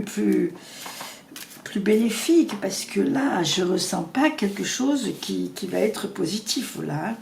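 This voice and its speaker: A woman doing a casual tarot reading, talking fast and rambling with many restarts. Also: on the high side, creaky, darkish tone. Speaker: tarot reader. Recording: echoey room with faint noise.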